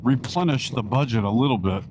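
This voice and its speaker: A man's voice: mid-range voice, a little fast. A man chatting casually as a motorcycle vlogger while riding, his voice enclosed inside a helmet. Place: outdoors, riding a motorcycle on country back roads. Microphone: microphone inside a helmet. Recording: wind and engine noise, helmet mic.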